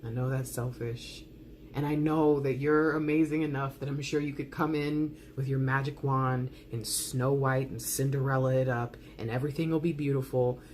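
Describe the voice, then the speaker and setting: A woman giving a soft ASMR tarot love letter reading, speaking intimately and earnestly, with dramatic pauses. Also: a bass voice, fairly even intonation, a little hiss or hum.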